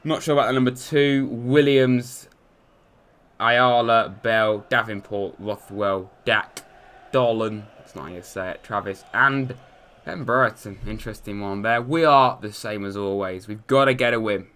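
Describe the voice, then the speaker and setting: A young English man giving casual commentary over a football video game, chatty, muttering asides and cheering loudly at goals. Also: mid-range voice, unhurried, smooth. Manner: chatty, swings between mumbled asides and excited shouts at goals. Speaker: gaming youtuber. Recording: light music behind.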